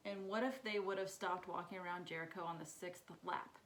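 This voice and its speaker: A woman co-hosting a casual podcast chat, upbeat and quick to laugh. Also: fairly low pitch, fairly even intonation, low-quality recording. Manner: upbeat, laughs often, quotes others in bright voices. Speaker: podcast co-host.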